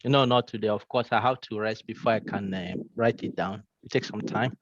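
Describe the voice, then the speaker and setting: A man's voice: lowish voice, fairly even intonation, a little fast, dull audio, noisy background. A man running a course, chatting and teasing participants over a video call at the close of a session. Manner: teasing, laughs easily. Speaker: course instructor. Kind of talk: casual farewell chat on a video call.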